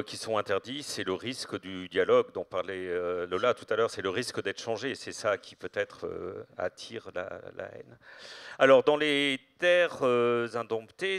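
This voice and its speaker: A man hosting a literary interview, talking in a hesitant, meandering way with many filled pauses. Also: mid-range voice, smooth, no room sound. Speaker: interviewer, event host.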